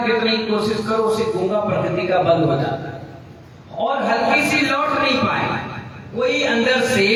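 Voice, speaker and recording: A man, a Jain monk, leading a slow pronunciation lesson and having his audience repeat each word after him. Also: extremely high pitch, a bit bright. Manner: slow drilling, asks the audience to repeat words. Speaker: Jain monk teaching a class. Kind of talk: pronunciation lesson with call-and-response. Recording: echoey hall, far from mic, crowd.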